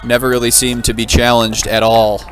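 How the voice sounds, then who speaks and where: A man's voice: mid-range voice, monotone, normal speed, fairly bright tone. A man doing live play-by-play commentary, upbeat and full of praise for the players. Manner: upbeat, praising, wraps up the broadcast.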